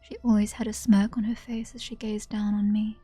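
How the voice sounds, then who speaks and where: Brief: woman streamer, hushed narration, mellow and breathy. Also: medium pitch, little pitch movement, fairly quick, dry recording, soft background music. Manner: soft, hushed, often whispered reading. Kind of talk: reading a visual novel's first-person narration.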